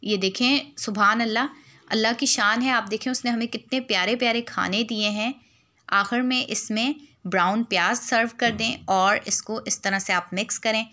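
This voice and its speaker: A woman's voice: a little high, steady tone, moderate pace, sharp tone. A woman narrating a home cooking video, patiently explaining each step. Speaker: cooking vlogger.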